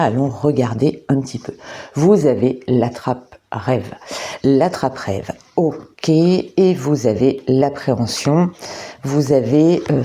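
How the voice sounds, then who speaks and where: Woman, card reader, gentle, hesitant, warm mellow tone, indoor video. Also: extremely low pitch. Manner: gentle, hesitant, many repeated words and fillers. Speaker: tarot and oracle card reader. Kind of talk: monthly astrology card reading. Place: indoors under artificial light.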